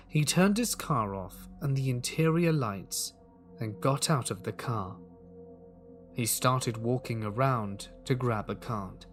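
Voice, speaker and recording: Guy reading a scary story calmly, mid-pitch voice, quiet music under it. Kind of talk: scripted horror story narration.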